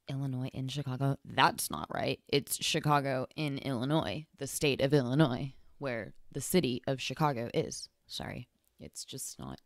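A young Texan woman with a very deep voice hosts a casual solo podcast, speaking slowly and rambling with lots of fillers and self-corrections. Her audio is dry and close-miked, with no room sound at all.

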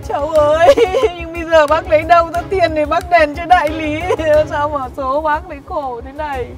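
Actress as an old lottery ticket seller, very high voice, pleading, web drama, loud music behind. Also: female voice, moderate pace, lightly acted. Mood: crying. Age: older. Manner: pleading, tearful. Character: poor elderly woman lottery ticket seller. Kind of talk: melodramatic web drama acting.

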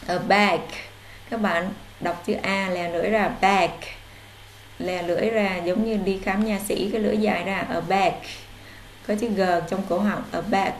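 A woman English tutor, teaching vocabulary slowly and drawing out each model word between explanations. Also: medium pitch. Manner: slow, drawn-out model pronunciation alternating with explanation. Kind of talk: online English vocabulary lesson. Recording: echoey room with faint background noise.

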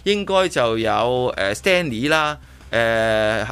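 In a radio studio, a host with a Hong Kong Cantonese accent talks slowly about a performance he's reviewing, his casual chat full of repeated words and restarts. His medium-pitched voice has lively intonation and a clean, slightly bright tone.

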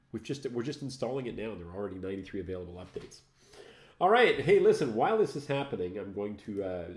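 A middle-aged French Canadian man hosting a casual live tech show, chatty and self-mocking, laughing often as he works. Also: medium pitch. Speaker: host. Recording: roomy, echoey room sound.

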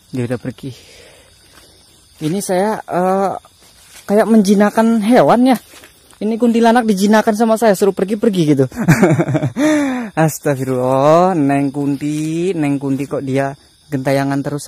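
A man's voice: on the high side, moderate pace, mellow. A man filming a ghost hunt outdoors at night, nervously muttering prayers and talking to an unseen spirit. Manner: jittery, repeats prayers under his breath, talks to unseen ghost. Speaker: ghost-hunting vlogger. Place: outdoors at night among trees.

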